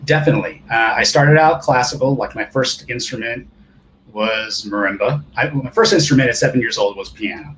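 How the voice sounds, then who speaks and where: A guest percussionist in his forties from California, who grew up speaking Japanese, chats casually on an interview show, telling stories of his past in a relaxed, rambling way with many restarts. His mid-range voice runs a little fast, and the audio is poor with slight background noise.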